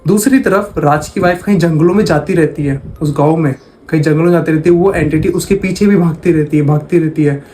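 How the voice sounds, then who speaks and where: A man's voice: fairly high pitch, fairly quick, darkish tone, slight background noise. A man casually telling a horror story, talking in a conversational way and repeating phrases for emphasis.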